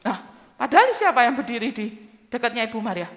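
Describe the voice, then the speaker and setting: A woman teaching Sunday school, telling a story to young children in a sing-song voice. Her voice is high and swings widely, with a long reverb ringing behind it. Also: big pitch swings, fairly quick, fairly bright tone.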